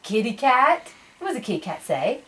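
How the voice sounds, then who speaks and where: A woman's voice: fairly high pitch, big pitch swings, normal speed, sharp tone, far from the mic, rough recording. A young woman at home, patiently quizzing her baby with pictures, repeating words, praising her and imitating animal sounds. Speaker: mother quizzing her toddler. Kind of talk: home video of a parent coaching a baby to name pictures.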